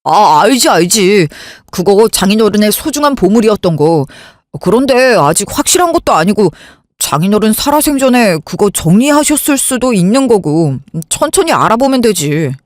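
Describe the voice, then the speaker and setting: A woman voicing a calm, evasive husband in a radio drama, who keeps telling his upset wife to slow down and stay calm. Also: mid-range voice, no room sound, studio quality, close to an everyday voice. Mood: placating. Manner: soothing, stalling, keeps urging calm. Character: calm, evasive man, elder sister's husband. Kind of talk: Korean radio drama acting.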